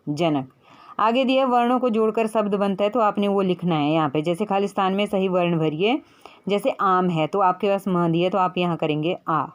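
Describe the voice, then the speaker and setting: Patient woman teaching a children's Hindi lesson. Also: medium pitch. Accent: Punjabi-influenced Hindi. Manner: patient, asks and answers her own questions, calls the child "beta".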